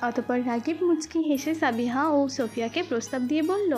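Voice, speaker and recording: A woman narrating a romantic story with an expressive, flowing delivery. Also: high voice, normal speed, faint music behind. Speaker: voice artist, storyteller.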